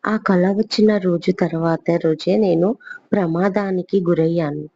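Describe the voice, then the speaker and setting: A woman's voice: lowish voice, fairly even intonation, normal speed, warm tone, lo-fi sound. A woman voicing a playful, bold young heroine in a spoken audio story. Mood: sorrowful. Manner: teasing, spirited.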